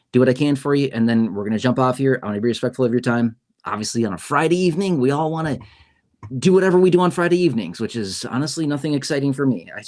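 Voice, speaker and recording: Policy news gets a relaxed, chatty explanation from this man hosting a YouTube livestream, who keeps checking in with "okay?" and "right?". His voice is mid-range with a darkish tone.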